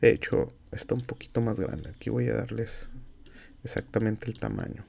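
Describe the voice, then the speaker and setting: A low-voiced Mexican man with a gravelly edge, recording a screen tutorial at his computer. He explains each click step by step, stopping for fillers and small corrections. The delivery is that of a patient classroom teacher. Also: moderate pace, a little mellow, slight background noise. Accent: Mexican Spanish. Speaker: university instructor.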